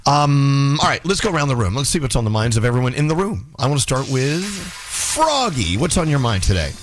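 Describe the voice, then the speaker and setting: A man hosting a morning radio show in a studio, talking in a halting, emotional way with many restarts. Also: medium pitch, very animated, soft background music. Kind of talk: casual morning radio chat. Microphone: studio microphone.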